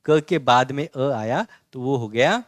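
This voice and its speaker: In a studio-quality recording with no room sound, an animated, mid-range voice leads a beginner Marathi class online. He points out letters on a board, spells each one slowly and clearly, and patiently repeats "है ना?", answering his own questions.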